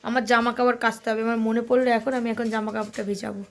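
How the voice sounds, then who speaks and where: A woman's voice: on the high side, flat delivery, rapid-fire, creaky. A young woman with a sore throat, vlogging at home in a tired, weary way. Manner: tired, complaining, talks to her child. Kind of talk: casual chat. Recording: noisy home phone recording.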